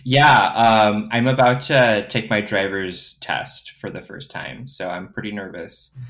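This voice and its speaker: A man's voice: on the low side, fairly even intonation, unhurried, fairly bright tone. A man co-hosting a podcast in casual banter, his speech slightly thick-tongued from a swollen tongue. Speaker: podcast co-host.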